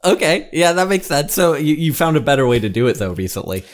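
A man interviewing in a casual comic style, with deadpan, hesitant reactions. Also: on the high side, fast.

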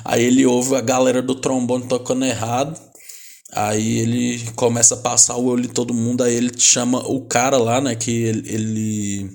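A young man with a Brazilian accent walks through a film's story in a relaxed, slangy way. His voice sits at an ordinary middle pitch, and he keeps checking in with quick tag questions as he goes. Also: vocal fry. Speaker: film recapper. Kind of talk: casual film retelling.

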